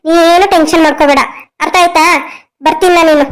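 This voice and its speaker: A woman's voice: very high-pitched, steady tone, quick pace, rough recording. A woman voicing a defiant, headstrong young woman in a cartoon story, answering back bluntly.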